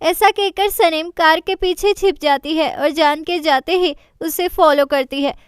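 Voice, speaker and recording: A woman with a very high, light voice retells a drama episode scene by scene, reading the characters' lines with a little expression. The recording is close and dry, with no room sound. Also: unhurried, no room sound. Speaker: drama recap narrator. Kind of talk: storytelling recap voicing all characters.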